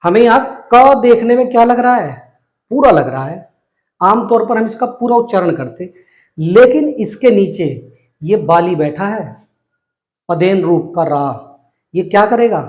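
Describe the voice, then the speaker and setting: A man teaching Hindi reading, slowly repeating and drilling syllables at a board. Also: high-pitched, animated, a little mellow, reverberant. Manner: slow, repetitive drilling of syllables. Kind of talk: whiteboard reading lesson.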